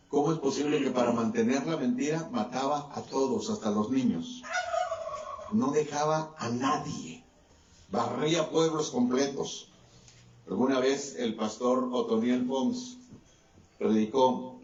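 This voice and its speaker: Distant echoey pastor preaching. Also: male voice, a little mellow. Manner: preaching with swings between raised and lowered voice. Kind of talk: sermon. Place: church hall. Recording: distant echoey church mic, dull sound.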